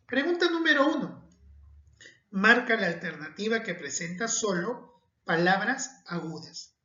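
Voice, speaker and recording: Slow, careful woman teaching spelling. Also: mid-range voice, a bit bright. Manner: slow, careful, stresses example words. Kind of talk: recorded spelling lesson. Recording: dull echoey room.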